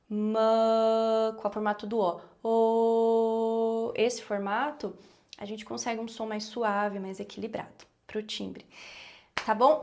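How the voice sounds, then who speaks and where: A woman with a Brazilian Portuguese accent teaching a singing lesson, explaining patiently and checking in with her students often. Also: mid-range voice.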